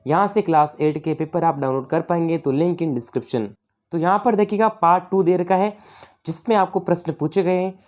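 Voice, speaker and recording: A woman teacher with a Rajasthani Hindi accent explaining an exam paper step by step, calling the viewers "friends" and reading the English questions slowly. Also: lowish voice, steady tone, darkish tone. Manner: explanatory, repeats "dosto", slow English readings. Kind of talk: exam paper walkthrough lesson.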